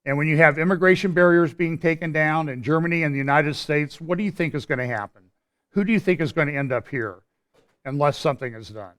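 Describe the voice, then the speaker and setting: A man presenting a church prophecy update in a conversational commentary style, pausing and restarting as he walks through a map and his views. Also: on the high side, fairly bright tone. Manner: explains while pointing at a map on screen.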